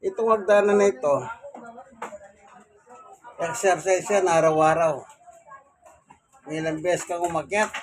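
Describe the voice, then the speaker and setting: A Filipino man in his sixties, a senior citizen, vlogging at home about his chores and gently preaching about thanking God. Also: a little high, slight background noise. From Philippines. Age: 60s. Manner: devout, gently preachy, speaks to viewers politely. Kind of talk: casual home vlog with religious reflections. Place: home, indoors, doing laundry and climbing stairs.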